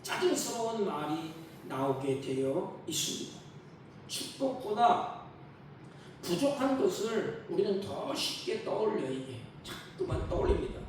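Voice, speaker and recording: A man preaches a Sunday sermon in a high voice, acting out complaints in quoted lines. The sound is very echoey and distant, as if picked up from across a church sanctuary. A faint hum sits behind it. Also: big pitch swings, unhurried. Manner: emphatic preaching, acting out the grumbling people's voices. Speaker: pastor.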